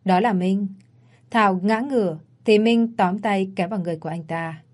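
A woman narrating a scripted audio story in a steady storytelling manner. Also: medium pitch, normal speed.

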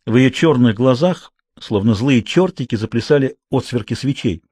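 A man narrating a children's audiobook in an expressive storytelling manner. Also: medium pitch, moderate pace, slightly rough, no echo.

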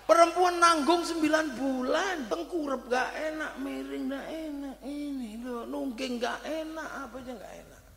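A man in his thirties telling a humorous family story, acting out quoted people in a low voice. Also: measured pace, creaky. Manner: animated, acts out quotes in a low voice. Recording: echoey hall, long reverb.

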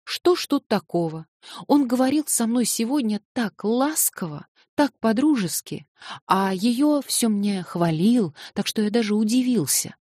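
A woman voicing an excitable, naive young man who protests plaintively, reading an audiobook. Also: fairly high pitch, measured pace, no echo, clean studio sound, voice pushed up. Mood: defensive.

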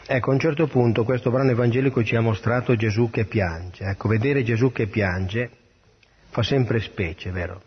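A man's voice: lowish voice, slightly rough. A man, a priest, reading the gospel and giving an earnest homily in a plain manner, with small restarts. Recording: dull lo-fi radio broadcast.

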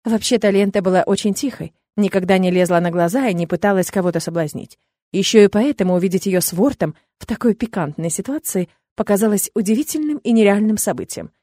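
A woman narrating a fantasy audiobook in a steady, even reading voice. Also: medium pitch, fast talker, no echo, clean studio sound. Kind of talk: scripted narration.

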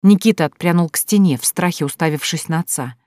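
An audiobook narrator reading a novel chapter in a steady, even manner. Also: medium pitch, fast, no room sound, clean studio sound. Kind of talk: scripted narration.

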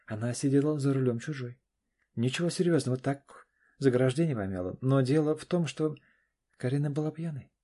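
A brisk, calm lawyer, as a man puts him on in an audiobook. He reports things in a matter-of-fact tone, a little higher than the reader's own. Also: natural voice. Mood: businesslike. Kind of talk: audiobook reading.

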